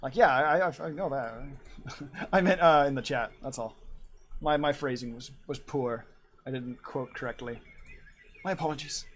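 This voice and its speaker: On a live art stream, a young man in his twenties rambles and chats as he draws, laughing often. His medium-pitched voice is fairly bright and moves at a normal speed, with frequent pauses.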